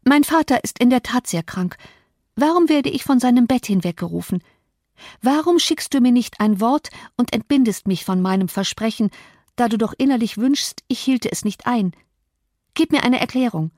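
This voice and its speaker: A sharp-tongued young woman from an audiobook scolds with impatient indignation, as the woman reading puts her on. Her voice sits a little higher than the reader's own, with an animated lift. The sound is close and dry. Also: normal speed, dry recording. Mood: demanding.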